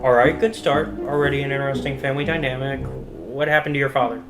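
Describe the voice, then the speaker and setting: A man's voice: medium pitch, steady tone, quick pace, over music, natural voice. A man playing an exasperated game master in a conversational comedy sketch.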